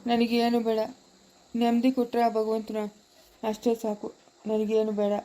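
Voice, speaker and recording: A weary, pious old village grandfather, voiced by a woman, speaks in a plain, deferential way. The voice sits somewhat high, and the delivery is pleading and unhurried, as in a home-made family drama. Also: completely flat delivery, mellow, close to an everyday voice, rough recording. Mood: pious, wondering.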